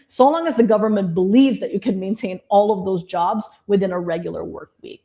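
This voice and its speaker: A woman who grew up in Indonesia talks through visa tips in an easygoing presentation. Her tone is friendly and encouraging, and she addresses listeners directly, at an ordinary middle pitch. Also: dark tone. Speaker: immigration advisor presenting to designers. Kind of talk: presentation talk.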